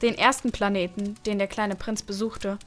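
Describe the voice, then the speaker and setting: A woman narrating a story calmly and gently. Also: medium pitch, normal speed. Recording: music playing underneath.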